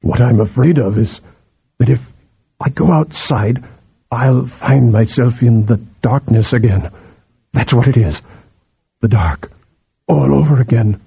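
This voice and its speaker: A male narrator doing a burly dock worker, husky and hesitant, talking in slow, broken phrases. The voice is dark and low, rough at the edges. The storybook recording sounds dull and muffled. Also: dry recording, heavily acted. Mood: fearful. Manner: slow, hesitant, halting speech. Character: troubled middle-aged male dock worker.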